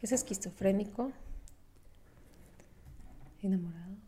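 A woman's voice: mid-range voice, measured pace. A young woman with a Mexican accent, chatting casually as a podcast co-host, telling self-mocking stories with a lot of laughter. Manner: animated, self-mocking storytelling, laughs often. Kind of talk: casual chat.

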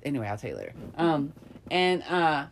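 A woman co-hosting a podcast, telling a story in frank, profane, animated casual chat. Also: deep voice, a little fast, a little hiss or hum. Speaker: podcast co-host.

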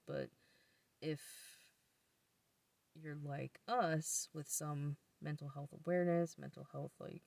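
A man's voice: fairly high pitch, vocal fry, darkish tone, no room sound, distant mic. A man co-hosting a casual podcast, speaking in a hesitant, thoughtful way with many fillers. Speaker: podcast co-host. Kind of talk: casual chat.

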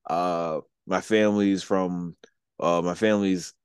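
A man's voice: deep voice, fairly even intonation, unhurried, clear, resonant tone, dry recording, clean studio sound. A man co-hosting a casual podcast, talking bluntly and with a lot of swearing, and often taking the devil's advocate side. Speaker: podcast co-host. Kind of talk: casual chat.

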